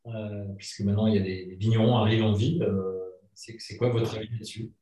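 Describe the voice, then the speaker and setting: A man's voice: fairly low pitch, steady tone, fast, mellow. A man hosting a live panel talk show in a casual, conversational way. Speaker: host of a wine talk show. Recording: roomy echo, distant mic.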